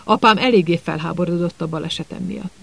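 A man's voice: fairly high pitch, vocal fry, fairly bright tone, breathy edge, heavily acted. A male narrator voicing a spoiled, sneering schoolboy who whines and feigns sympathy. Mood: smug whining. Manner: whining, mock-sympathetic.

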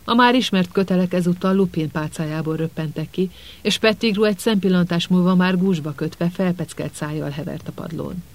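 A man narrating an audiobook with steady, dramatic storytelling. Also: high-pitched, rough recording.

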